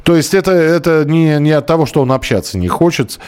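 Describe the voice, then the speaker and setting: A man's voice: on the high side, lively intonation, brisk, darkish tone, clear, resonant tone. A man hosts a talk show. He reads listener messages aloud and talks about them in an easy, conversational way, sometimes stumbling over a word. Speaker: radio show host.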